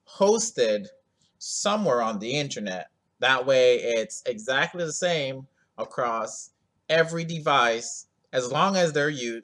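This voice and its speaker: A man's voice: mid-range voice, pushed and bright. A man hosting a screen-recorded coding tutorial, talking in a laid-back, rambling way full of ums and asides.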